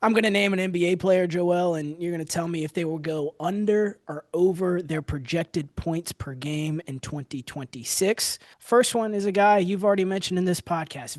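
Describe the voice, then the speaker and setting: A man's voice: a little high, darkish tone, dry recording. A young man co-hosting a casual sports podcast, running segments and firing off lists of player names. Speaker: podcast co-host.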